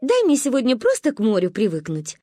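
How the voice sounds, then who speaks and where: Nervous pleading young mom, done by a woman, lively voice, dry sound. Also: on the high side, brisk, husky, no echo, heavily acted. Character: timid anxious young mother, pleading.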